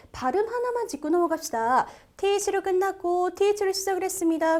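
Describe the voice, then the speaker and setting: A woman with a bright, high voice teaches a test-prep listening lesson. She speaks in a lively, animated way and keeps turning to her students with questions. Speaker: TOEIC listening instructor. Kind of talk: video lecture.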